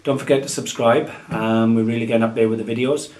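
A thirty-something Welshman who deals antiques and hosts a channel chats at home in his dining room about his market buys in a casual show-and-tell vlog, dropping "um" and "guys" into his tips. He talks fast in a medium-pitched, steady, slightly mellow voice, with faint music behind him.

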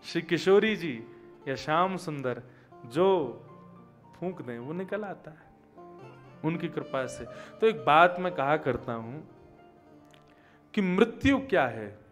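Speaking slowly with frequent pauses, a man uses a slightly high, animated, bit-bright voice while faint music plays. He is seated at a lectern on the stage of a religious gathering, giving a conversational devotional talk of anecdotes and rhetorical questions that he answers, picked up by gooseneck podium microphones.

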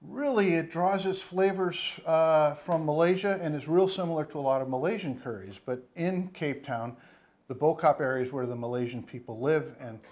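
A man's voice: on the high side, moderate pace, darkish tone. A man in his fifties, a spice shop owner, giving a casual cooking demonstration in a studio kitchen on a lapel mic, full of fillers and restarts. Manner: rambling, many fillers and restarts. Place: studio kitchen set, indoors.

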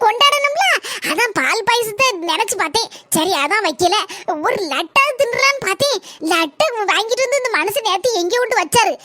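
A brash, food-obsessed village wife in a cartoon comedy. She talks in a very high, bright voice, scolding and snapping back at everyone, recorded close and dry. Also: no room sound, exaggerated voice. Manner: brash, scolding, quick retorts.

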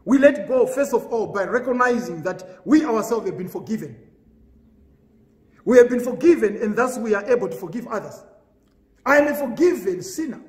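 Male pastor, sermon delivery, measured and earnest, animated pitch. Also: echoey room. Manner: earnest, measured preaching with pauses between phrases.

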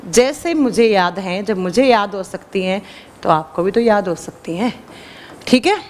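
A woman teacher giving an animated classroom lecture, quizzing her students and answering her own questions. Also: medium pitch, measured pace, long reverb tail, slight background noise. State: dry throat.

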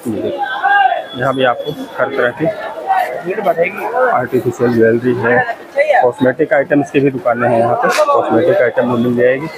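A man of medium pitch talks steadily at a moderate pace, leaving long pauses. He's a vlogger walking through a crowded outdoor market, showing viewers the shops and repeating "look here," while loud street noise fills the background.

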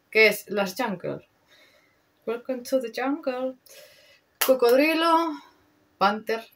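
A woman's voice: medium pitch, slight background noise. Chatty young Spanish woman reviewing makeup. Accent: Spain Spanish. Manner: chatty, swears freely, slangy. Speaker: beauty vlogger. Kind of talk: casual product review.

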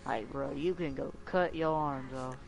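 A young man chatting casually while gaming, animated and slangy, complaining heatedly into a headset. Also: mid-range voice, a little slow, creaky, low-quality recording. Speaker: gamer. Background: game music and sounds.

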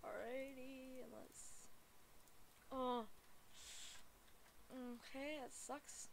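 A woman giving casual gameplay commentary, excitable and breaking into frustrated yelling. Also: high-pitched, very slow, gravelly, a little hiss or hum, poor audio. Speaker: gamer.

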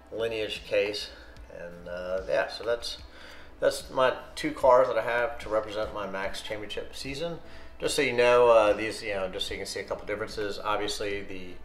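Deep-voiced man, relaxed, in an echoey room. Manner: relaxed, hesitant, many ums and uhs. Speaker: model car collector reviewing his collection. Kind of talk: casual unscripted product review. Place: room indoors, hands on a table with models.

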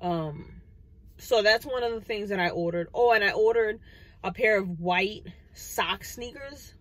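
A woman in her thirties chats to a camera on her dashboard, sitting in her parked car. She rambles along loosely, full of "um" and "like", at an easy, middling pitch. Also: a little slow, fairly bright tone, poor audio. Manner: chatty, rambling, many fillers. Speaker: vlogger. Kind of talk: casual chat. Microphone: phone camera on the dashboard.

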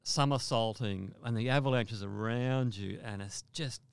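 A man from Australia, a mountaineer guest in an interview, telling a vivid story in a halting way with repeated words. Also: mid-range voice, creaky, smooth, dry recording.

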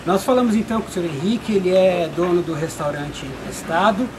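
A man's voice: high voice, animated, a little fast. A man in his forties with a São Paulo Brazilian accent, a local reporter asking leading questions in a chatty street interview. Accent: Brazilian Portuguese, São Paulo. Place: outdoors beside a restaurant. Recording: noisy outdoor field recording.

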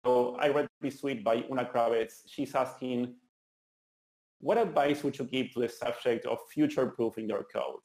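In a meetup venue hall with roomy acoustics, an Argentinian man in his thirties gives a conference talk in his native accent. His mid-range voice has a darkish tone and moderate pace, and he comes across earnest and enthusiastic, restarting now and then.

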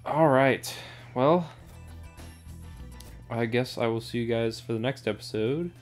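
A man chatting loosely over his own gameplay with dry, sarcastic asides, his voice sitting at an ordinary middle pitch. Faint game music runs underneath him. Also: slow pace. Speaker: gaming video creator. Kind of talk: casual gameplay commentary.

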